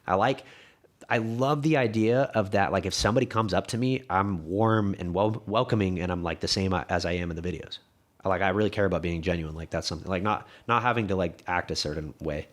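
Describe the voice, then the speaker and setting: A man's voice: sits low, fairly quick. Rambling young man with a slight lisp. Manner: rambling, frequent swearing and restarts. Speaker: podcast guest, YouTuber. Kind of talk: casual conversation.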